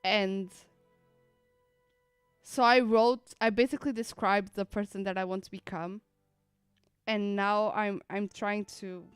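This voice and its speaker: This woman streamer has a smooth, medium-pitched voice, chatting casually and playfully with her live audience while gaming. The recording is dry and close-miked, with faint music behind her.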